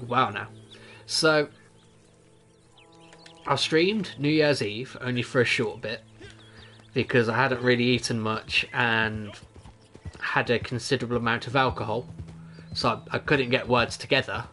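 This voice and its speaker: Man, young adult, streamer, casual gameplay commentary, rambling, self-amused, mid pitch. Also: fairly even intonation, measured pace, pauses often, sharp tone.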